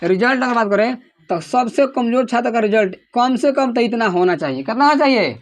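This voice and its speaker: A man's voice: extremely high pitch, animated, a little fast, very noisy. Bihari teacher quizzing his class. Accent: Bihari Hindi. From Bihar, India. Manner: calls out questions for the class to answer in chorus; raises his voice to a near shout at times. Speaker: coaching teacher. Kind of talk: classroom lecture to students. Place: classroom with students.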